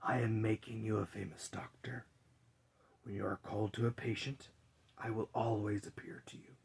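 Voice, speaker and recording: A hushed, menacing spirit of Death, acted out by a man for a storybook tale. The voice is low and breathy, often sinking to a husky whisper. It speaks slowly and deliberately, stern and ominous as a grim godfather. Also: little pitch movement, exaggerated voice. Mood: solemn, commanding. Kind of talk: dramatic fairy tale reading.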